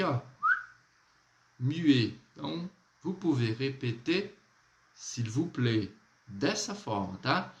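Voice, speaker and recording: A chatty Brazilian man with a Brazilian Portuguese accent teaches French in a relaxed live online class. He repeats phrases slowly so listeners can practice along. His mid-pitched voice carries a roomy echo.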